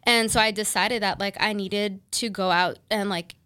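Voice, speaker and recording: A woman's voice: mid-range voice, steady tone, moderate pace, bright, forceful tone, clear, resonant tone, no echo. A woman in her thirties, a makeup artist and business owner, telling her story in a casual interview with many fillers and restarts.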